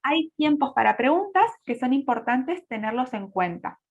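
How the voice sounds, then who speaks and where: A woman's voice: high-pitched, expressive, normal speed, a little hiss or hum. A woman teaching public speaking in a webinar, setting out her points in order over a video call. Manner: orderly, lists points in sequence. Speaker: speech coach. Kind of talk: webinar lecture. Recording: dull lo-fi audio.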